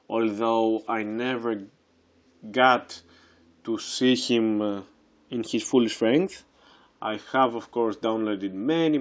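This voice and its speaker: A man in his twenties from Greece, hosting a casual solo podcast, who talks with many fillers and restarts. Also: fairly low pitch. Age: 20s. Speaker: podcast host.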